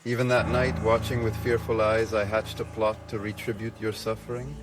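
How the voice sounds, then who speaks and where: A man voicing an obsessive male stalker who writes formal, old-fashioned letters, read gravely over music. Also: fairly low pitch, little pitch movement, moderate pace, natural voice. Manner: formal, archaic, grave reading.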